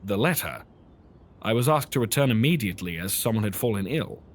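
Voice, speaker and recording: An actor playing a kindly, steady doctor who looks after children in an audio drama, with faint noise behind him. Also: male voice, fairly low pitch, fairly quick. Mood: alarmed, urgent.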